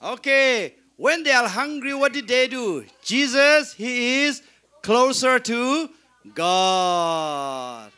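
A man's voice: extremely high pitch, expressive, slow pace, bright, forceful tone, smooth. A man teaching an interactive Bible lesson, asking questions and answering them himself, then leading the class to repeat after him. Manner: leads call-and-response repetition. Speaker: Sunday school teacher.

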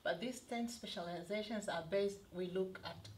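Middle-aged woman from tanzania, study advisor, explains slowly with lots of ums, studio set. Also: mid-range voice, a little mellow, a little hiss or hum. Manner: hesitant, many fillers and restarts. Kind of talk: explanatory interview answers.

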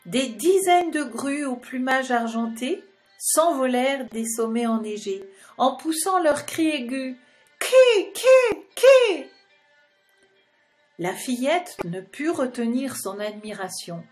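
A woman's voice: high voice, animated, measured pace, soft background music. A woman narrating a children's storybook expressively and speaking directly to the young listener.

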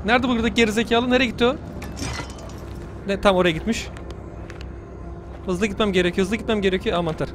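High-voiced man muttering through a horror game. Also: fast, pauses often, music in the background. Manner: mutters to himself and curses at the game. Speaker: gamer. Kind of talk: horror game let's play commentary.

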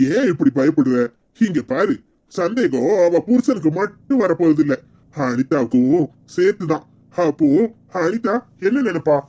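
A man's voice: fairly high pitch, mellow. A man playing a scheming young village man, sly and boastful, in a Kanyakumari Tamil accent. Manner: sly, cocky, persuasive.

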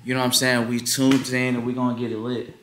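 A man's voice: medium pitch, flat delivery, quick pace, a bit bright. Male American vlogger, casual and slangy, repeats himself, echoey living-room sound. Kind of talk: casual prank vlog. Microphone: handheld camera at arm's length. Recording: echoey room, faint noise.

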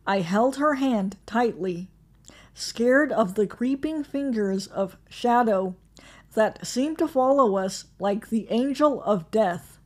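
A woman narrating a horror story in a measured, ominous, scripted way. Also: on the high side, animated.

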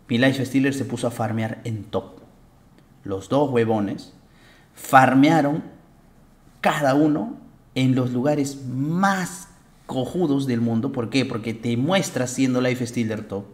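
A young man, a game coach who breaks down a match in casual commentary, blunt, emphatic and full of profanity. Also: mid-range voice.

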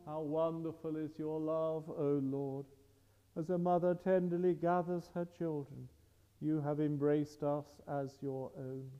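A man celebrates the liturgy, praying slowly and solemnly in a fairly high voice. The long cathedral echo rolls out behind each phrase, and the recording is muffled and lo-fi. Soft music lingers in the background. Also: level tone, clean tone. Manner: slow, measured, solemn recitation. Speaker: priest. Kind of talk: liturgical prayer at Mass. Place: large church. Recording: dull lo-fi recording in a reverberant church.

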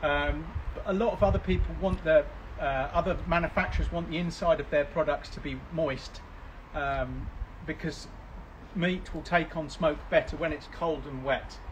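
A man's voice: on the high side, fairly even intonation, normal speed. Man, live cooking host, chatty, outdoors by the grill, noisy open-air sound. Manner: chatty, talks while eating, laughs often. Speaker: cooking demonstrator.

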